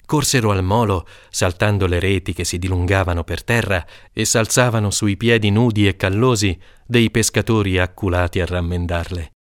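A man narrates a literary short story in a calm, measured way. His voice sits low. The recording is dry and close, with no room sound. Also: no echo. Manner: measured, calm reading that lifts into high voices for children's shouts. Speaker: audiobook reader.

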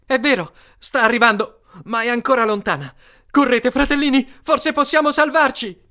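A woman's voice: on the high side, normal speed, voice pushed up. A woman voicing a brave farm boy urging his little brothers to run home, calling out urgently. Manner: urgent, shouting.

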